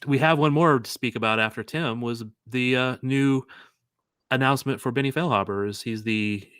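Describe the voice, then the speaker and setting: A man co-hosting a casual sports podcast, chatty, with halting restarts. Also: mid-range voice, a bit bright, clear, resonant tone, no echo, clean studio sound. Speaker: podcast co-host. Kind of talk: casual chat.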